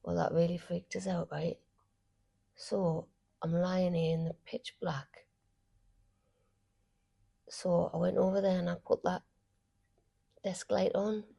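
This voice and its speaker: Casual female, partner recounting a story in bedroom chat, low-key mellow tone with some vocal fry. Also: little pitch movement, takes it slowly, long pauses.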